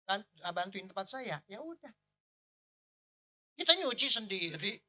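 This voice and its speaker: Man, pastor, bright forceful voice, animated joking sermon storytelling. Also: high voice, measured pace.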